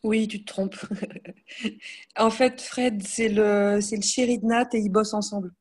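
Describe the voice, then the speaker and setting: A woman chatting casually, relaxed and amused. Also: mid-range voice, measured pace, breathy edge. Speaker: participant. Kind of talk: casual chat.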